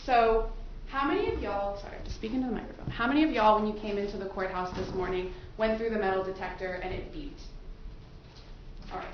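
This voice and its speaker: Talking fast in a medium-pitched voice, this woman is a defense attorney speaking into a courtroom microphone as she questions potential jurors. She explains things in a casual, conversational way, captured in muffled, noisy, echoing audio.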